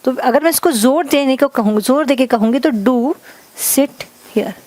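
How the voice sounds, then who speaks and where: A woman teaching grammar, speaking in a fairly high voice that is recorded close and dry. She mixes Hindi with terms and calls her viewers "guys." She dictates each example sentence slowly, one word at a time. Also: darkish tone, no room sound. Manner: addresses viewers as "guys", repeats "ठीक है" often. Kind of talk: classroom grammar lesson.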